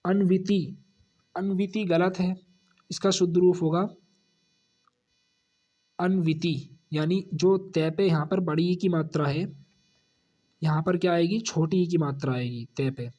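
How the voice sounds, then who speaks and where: Male hindi teacher going over spelling, talks real slow, voice a bit high, repeats words and drops low. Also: fairly even intonation, mellow, highs cut off. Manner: slow, repeats each corrected word, drops low on the answer. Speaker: exam coaching teacher.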